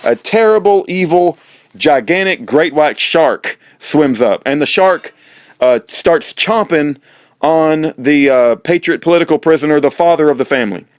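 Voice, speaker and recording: Speaking at a normal speed in a slightly high, animated voice, the middle-aged American host rambles informally to his viewers. He's a prisoner-support activist, and his talk has a folksy, preacher-like rhythm built on repeated phrases; the recording is dry.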